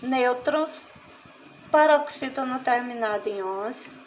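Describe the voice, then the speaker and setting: Woman, Brazilian Portuguese accent, primary school teacher, slow dictation, faint background hiss. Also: high voice, rough recording. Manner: slow, deliberate word-by-word dictation. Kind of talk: recorded class lesson.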